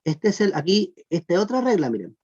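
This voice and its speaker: A teacher giving an online class on Greek verb grammar, patiently repeating "look" and asking the class whether it is clear. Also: medium pitch, sing-song, a little fast, dark tone. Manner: patient, repeats "miren" and "fíjense" often; asks the class check questions. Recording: muffled lo-fi recording.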